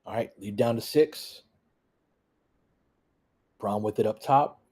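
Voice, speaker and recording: A man with a lowish, husky, slightly mellow voice speaks slowly as he hosts a fan livestream. He delivers casual basketball play-by-play in short clipped bursts, conversational and off the cuff, while talking with listeners.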